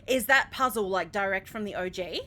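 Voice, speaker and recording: A young Australian woman commentating live as she plays a video game, animated, swearing and laughing often. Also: medium pitch, fairly quick, slight background noise. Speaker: streamer.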